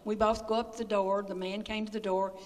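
Fairly quick and level in tone, her mid-range voice carries an older woman's chatty, folksy storytelling, punctuated by laughter, as she guests in an interview. It's an echoey community hall recording made from far off.

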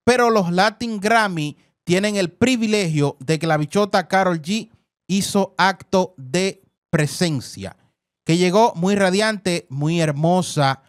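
An entertainment news host from the Dominican Republic talks effusively over celebrity clips, repeating words and calling his viewers family. His voice is high-pitched and slow, recorded with clean studio sound and no echo.

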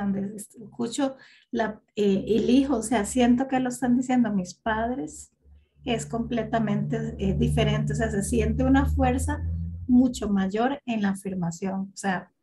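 A woman's voice: a little high, warm tone. A woman answering in a class, searching for words with many fillers. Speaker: student in a class.

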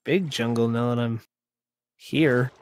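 Man excitedly narrating his game finds. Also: medium pitch, slow pace, slight background noise. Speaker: guest player. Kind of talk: casual gameplay chat. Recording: faint music behind.

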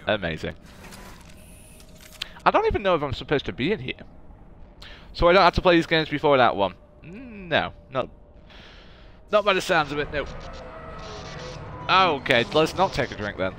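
A man's voice: medium pitch, fairly bright tone, a little hiss or hum. A man giving casual live commentary on a game playthrough, playful and rambling as he chats with viewers. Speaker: game streamer.

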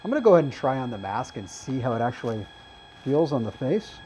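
A man's voice: mid-range voice, very animated, fast, warm tone, slight background noise, poor audio. A man hosting a casual review show, explaining test results as he goes with frequent fillers. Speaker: host reviewing face masks.

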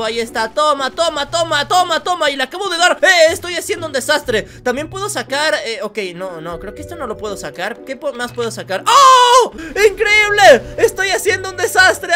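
A young man, an excitable gameplay commentator who often shouts and laughs. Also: very high voice. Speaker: gaming youtuber.

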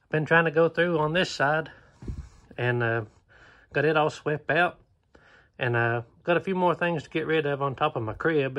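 A man's voice: mid-range voice, fairly bright tone, dull audio. A man, talking casually through a walkthrough of his barn, easygoing and plainspoken with lots of "uh" fillers, recorded on a phone held at arm's length in an open wooden barn. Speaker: homesteader vlogger. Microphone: phone camera held at arm's length.

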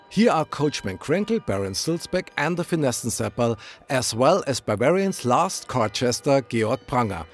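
A man, co-hosting a travel vlog and narrating location facts in an upbeat way. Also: medium pitch. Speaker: co-host. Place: busy city square outdoors.

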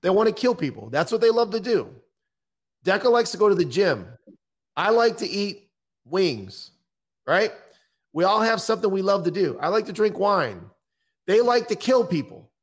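His voice is high and sing-song, with a normal speed and frequent pauses, yet his delivery stays blunt and matter-of-fact. The speaker, a middle-aged American true-crime interviewer and author, is a guest in a conversational podcast interview. He's calling in by video from an indoor room, speaking into a boom-arm microphone.

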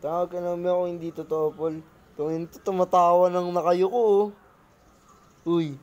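A woman's voice: lowish voice, little pitch movement, moderate pace, a little mellow. A woman vlogging casually among friends, teasing and badgering with repeated questions and crude swearing. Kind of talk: casual group vlog banter.

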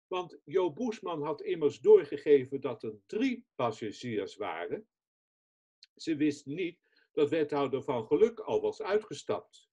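A man, a society chairman, giving a webinar talk from notes in a measured reading voice with small restarts, over a computer mic. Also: fairly high pitch, darkish tone, slightly rough.

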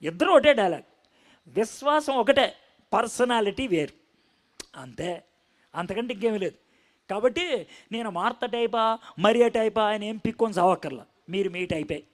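A man preaching a Bible-teaching sermon with a high voice. He tells the passage as a story and keeps checking in with his listeners through questions. His pitch rises and falls in wide, expressive swings. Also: normal speed, long pauses. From India.

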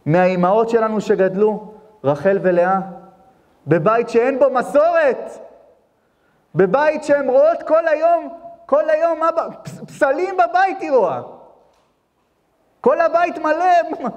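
A rabbi giving an impassioned sermon. He asks rhetorical questions and answers them himself, and his voice swings between loud and hushed. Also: very high voice, lively intonation. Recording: long hall reverb.

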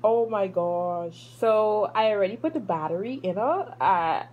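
A woman vlogger gushing over an unboxing in a casual, animated way, repeating excited exclamations. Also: mid-range voice, slow.

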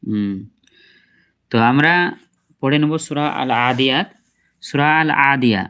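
A man teaching Quran recitation in an online class, patiently explaining mistakes and slowly reciting the words. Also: mid-range voice, fairly bright tone. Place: online class, voice over a shared screen.

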